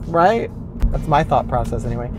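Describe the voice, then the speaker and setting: A man's voice: mid-range voice, lively intonation, moderate pace, over music. A man hosting his own vlog, complaining in a rambling, self-mocking way with many restarts while driving his car. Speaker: vlog host. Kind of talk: casual comedic rant.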